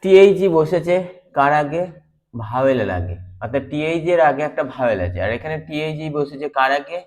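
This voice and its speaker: A man with a Bengali accent teaching a lesson, speaking deliberately, repeating words and spelling letters aloud. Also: on the high side, animated, darkish tone. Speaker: English teacher. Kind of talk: slow explanatory lesson.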